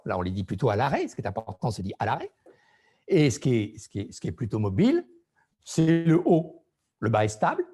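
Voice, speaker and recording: A man coaching public speaking, giving a didactic lecture and showing pitch and emphasis with his own voice. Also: dark tone, breathy edge. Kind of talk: didactic lecture on vocal delivery.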